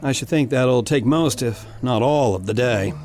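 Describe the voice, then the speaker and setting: A man's voice: medium pitch, moderate pace, a little mellow, a little hiss or hum, close to an everyday voice. A man playing a hesitant, politely formal ship's doctor with dry wit in a period sea drama. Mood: mild, doubtful. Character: genteel, bookish ship's doctor, mild landlubber. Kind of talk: period maritime audio drama acting.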